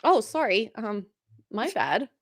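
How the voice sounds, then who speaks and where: Woman, podcast co-host, slightly high voice, dry close sound, laughs a lot, reads chat messages. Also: sing-song, slow, no room sound. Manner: laughs often, upbeat. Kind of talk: casual chat, reading viewer messages aloud.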